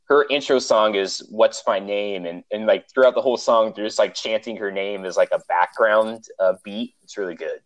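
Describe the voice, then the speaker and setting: A young man co-hosting a podcast in casual chat, chatty and quick to laugh. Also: lowish voice, rough recording. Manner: chatty, laughs easily, restarts sentences. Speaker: podcast co-host.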